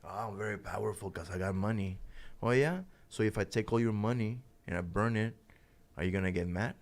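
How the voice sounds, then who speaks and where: A man's voice: lowish voice, brisk. A man, a boxer guest in a casual interview, talking animatedly with frequent laughter and slipping into Spanish phrases.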